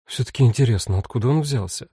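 A man's voice: medium pitch, fast talker, warm tone, husky, no room sound, clean studio sound, natural voice. A man voicing a tired, worried middle-aged mother who sighs and sounds flustered. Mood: frazzled. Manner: sighing, flustered.

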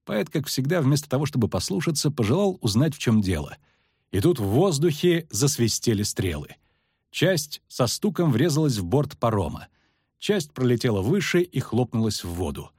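A man narrating a fantasy audiobook expressively, dropping low and quiet for tension. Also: sing-song, moderate pace, husky, dry recording, clean studio sound. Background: faint background music.

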